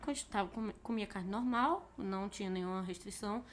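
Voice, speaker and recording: A woman's voice: medium pitch, a little fast. A teenage girl rambling through a casual family podcast chat, losing her thread and laughing at herself. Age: teens. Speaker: podcast co-host, daughter.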